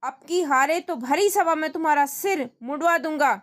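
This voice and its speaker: A woman voicing an angry, proud male king who scolds loudly in a classroom play reading. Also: lively intonation, a little slow. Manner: booming scolding.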